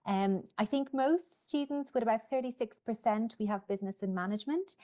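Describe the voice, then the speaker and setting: A woman's voice: medium pitch, warm tone. Upbeat woman hosting an info session. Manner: friendly, upbeat interviewer. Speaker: admissions officer, session host.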